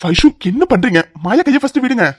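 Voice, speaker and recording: A woman's voice: on the high side, expressive, quick pace, breathy edge, no room sound, studio quality, pitched below the performer's own voice. A woman voicing a stern young husband in a cartoon serial, who asks firm, reproachful questions.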